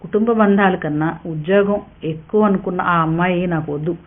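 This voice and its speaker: A woman's voice: lowish voice, a little fast, natural voice. Woman voicing a stubborn, reproachful young husband. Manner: curt, reproachful. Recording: tinny narrow-band sound.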